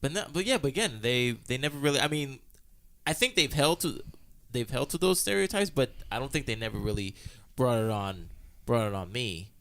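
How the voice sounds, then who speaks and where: A man co-hosting a podcast in casual chat, often pausing and searching for words. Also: mid-range voice, fairly bright tone. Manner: hesitant, searches for words with fillers. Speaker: podcast co-host.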